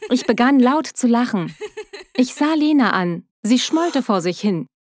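A woman narrating her own story in the first person in a steady, scripted storytelling manner. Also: fairly high pitch, measured pace, dry recording, clean studio sound.

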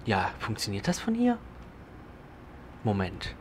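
A man's voice: fairly low pitch, wildly swooping pitch, slow, slight background noise. Chatty young man narrating his gameplay. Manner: chatty self-talk with sudden loud exclamations. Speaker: let's play host. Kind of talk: casual gameplay commentary.

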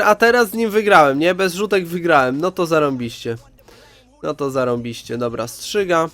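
This gaming video host has a stuffed-up, nasal voice from a cold and talks directly to viewers in relaxed let's-play commentary. He's fairly high-pitched with a fairly bright tone, and the recording has no room sound.

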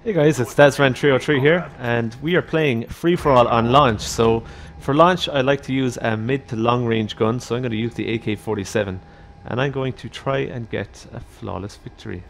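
A man's voice: medium pitch, moderate pace, creaky, hardly any pauses, slight background noise. A man hosting a gaming video, giving casual live commentary on his play. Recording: game music and gunfire behind. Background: game music, gunfire.

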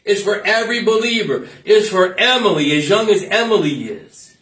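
A man's voice: high-pitched, animated, moderate pace, a bit bright, far from the mic. A man preaching an informal sermon as pastor, repeating phrases and breaking off into asides. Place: church. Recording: echoey room, mic from afar.

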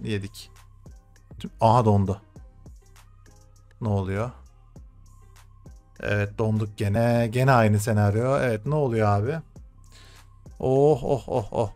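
A young man commentating his own football video game matches, excitable and swearing, shouting at the game and then muttering to himself. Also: fairly low pitch, slow pace, long pauses, soft background music. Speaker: gaming streamer.

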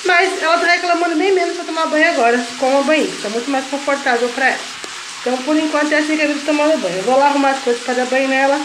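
A woman's voice: high-pitched, rapid-fire, noisy background. A young woman and mother chatting casually to her viewers as she narrates her day at home. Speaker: vlogger and mother.

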